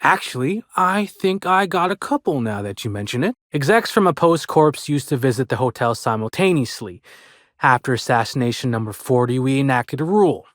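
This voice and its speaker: A man's voice: medium pitch, animated, brisk, a bit bright, no echo, studio quality, lightly acted. A man voicing a chirpy, chatty old-fashioned hotel bellhop in a video game, with a folksy American way of talking. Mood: chatty storytelling. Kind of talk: video game character dialogue.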